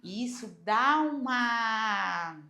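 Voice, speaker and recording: Bright-voiced Brazilian woman hosting. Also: a little high, expressive, extremely slow. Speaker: podcast host. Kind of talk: casual interview chat.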